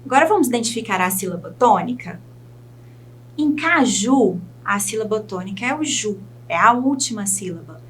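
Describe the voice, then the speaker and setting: Brazilian teacher, woman, mid-pitched, recording a lesson and dictating words one by one, faint hum underneath. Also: lively intonation, a bit bright. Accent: Brazilian Portuguese. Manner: slow, clear dictation of words. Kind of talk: video lesson for students.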